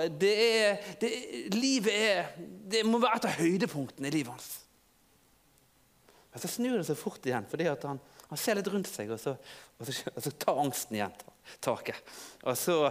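A man preaching in an informal storytelling way, halting and restarting often. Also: fairly high pitch. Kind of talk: sermon.

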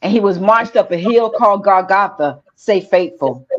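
Female preacher, measured declarative delivery, muffled lo-fi sound. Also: medium pitch. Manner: slow declarative call and response. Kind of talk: sermon.

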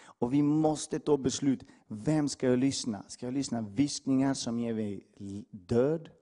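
A male preacher delivers an impassioned sermon in a dark, mellow voice. He pushes hard on his calls to the congregation, then drops low for quiet asides. His carries a slight edge. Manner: impassioned, swings from loud exhortation to hushed asides.

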